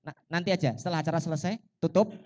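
A man's voice: fairly high pitch, fairly even intonation, rapid-fire, darkish tone. A man with a Javanese accent emceeing a live music night in a coffee shop, teasing his co-host and mixing formal announcements with banter. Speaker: event MC. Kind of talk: joking live event banter.

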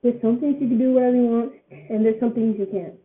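A woman's voice: fairly high pitch, fairly even intonation, fast talker. Rambling eighteen-year-old woman, tinny sound. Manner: rambling, repeats phrases often. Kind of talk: casual opinion vlog.

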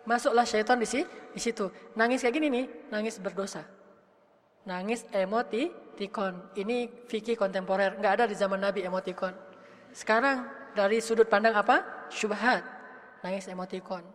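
A woman's voice: mid-range voice, normal speed. A woman religious teacher giving a casual, humorous sermon, chatting with and questioning her audience. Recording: echoey hall reverb.

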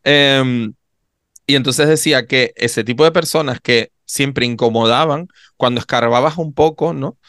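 A man co-hosting a podcast in casual chat, expressive and full of little tag questions. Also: medium pitch, unhurried, no room sound, studio quality. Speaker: podcast co-host.

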